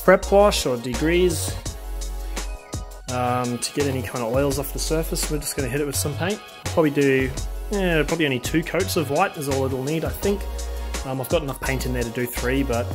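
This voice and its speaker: A man's voice: mid-range voice, fairly quick, over music. A man talking casually through his car repair work in a home garage, rambling with lots of ums. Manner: rambling, many ums, plain-spoken. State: out of breath. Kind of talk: casual workshop vlog.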